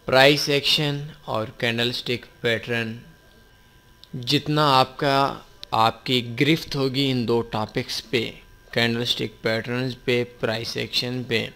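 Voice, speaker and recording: A man's voice: medium pitch, fairly bright tone, clear, resonant tone. Man explaining charts patiently. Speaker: forex trading instructor. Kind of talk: screen-recorded tutorial explanation.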